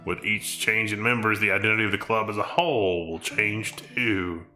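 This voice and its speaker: A man voicing a shy, earnest schoolgirl in an amateur visual novel reading, hesitant and measured. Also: on the low side, fairly even intonation, bright, forceful tone. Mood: earnest, gentle. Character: shy, earnest schoolgirl club vice president. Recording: roomy sound, music behind.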